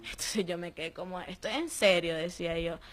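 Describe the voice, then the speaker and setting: A woman's voice: fairly low pitch, a little fast. Young Nicaraguan woman recounting her story. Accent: Nicaraguan Spanish. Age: young adult. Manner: animated storytelling, acting out quoted voices. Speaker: interviewee, former detainee. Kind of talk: personal testimony.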